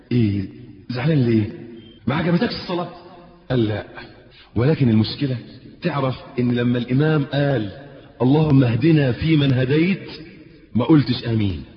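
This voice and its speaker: Egyptian preacher man with animated delivery. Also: fairly high pitch, in a large hall, dull audio. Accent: Egyptian Arabic. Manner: animated storytelling with sudden loud peaks and drawn-out emphasis. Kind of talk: sermon.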